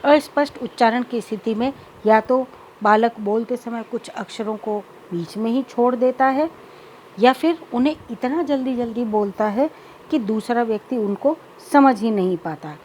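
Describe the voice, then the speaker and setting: Higher-pitched woman giving a lecture. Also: moderate pace, darkish tone, slight background noise, low-quality recording. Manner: explanatory, mixes in English terms. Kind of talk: recorded lecture.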